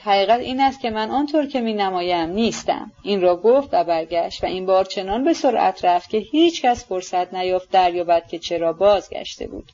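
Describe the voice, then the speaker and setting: A woman reading a classic novel aloud in a steady, measured narration. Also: medium pitch, lo-fi sound. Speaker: audiobook narrator. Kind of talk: scripted audiobook narration.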